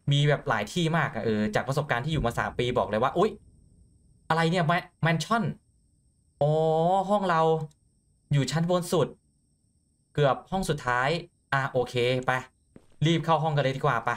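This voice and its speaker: A young man runs a horror game let's play with excitable, jumpy commentary. His voice sits somewhat high, and when something startles him he stammers and repeats words in quick bursts. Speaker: gaming YouTuber.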